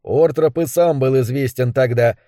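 Guy reading an audiobook, measured and dramatic, dry close mic. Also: medium pitch, mellow, no room sound. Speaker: audiobook narrator. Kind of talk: scripted narration.

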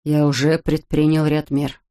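A woman voicing a devoted, strong-willed middle-aged husband who speaks softly and insistently to his ailing wife. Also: low voice, level tone, unhurried. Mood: tender, insistent. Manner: hushed, soft-spoken.

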